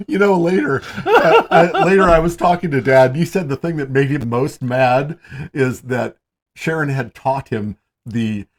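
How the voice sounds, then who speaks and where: Lively, teasing male podcast co-host. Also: mid-range voice, moderate pace. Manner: lively, teasing, prompting the story along. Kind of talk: casual chat.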